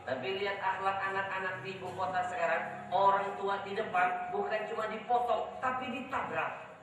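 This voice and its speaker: A male preacher gives a lively, joking sermon and keeps asking the crowd to agree with him. His voice is fairly high. It booms through a heavily echoing sound system, heard from some distance with noise clearly audible behind it. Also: moderate pace. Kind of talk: sermon at a religious gathering. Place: large outdoor religious gathering.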